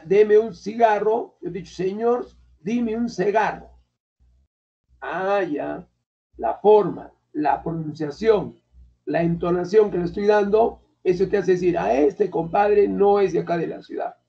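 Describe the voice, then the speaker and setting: In a classroom, a male language teacher from Peru lectures with a high, gravelly yet mellow voice. He talks colloquially and keeps quizzing students, and the recording is dull and lo-fi.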